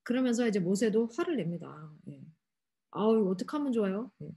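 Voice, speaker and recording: A woman youth pastor giving a lively sermon to teenagers, asking them many questions and acting out quotes. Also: medium pitch, a little fast, breathy edge. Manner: asks the audience many questions, acts out quotes animatedly. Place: church hall.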